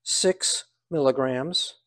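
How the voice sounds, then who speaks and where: A man's voice: mid-range voice, drawn-out words, pushed and bright. An older man giving a casual hands-on demonstration, talking aloud in a folksy, dryly humorous way. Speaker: home cider maker demonstrating.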